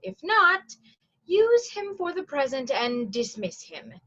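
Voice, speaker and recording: A woman plays a brisk, commanding Shakespearean prison provost in a staged reading, heard through slightly muffled lo-fi audio. Her high, somewhat bright voice is unhurried, with big pitch swings, and she declaims each order with stern weight and some pity in a heavily acted style.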